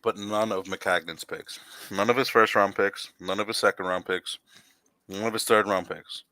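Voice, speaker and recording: A man with a lowish voice that has a forceful, bright edge. He rambles through his opinions as a podcast host, restarting his sentences often. The sound is dry and close. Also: fairly even intonation, moderate pace, dry recording. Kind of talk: casual sports chat.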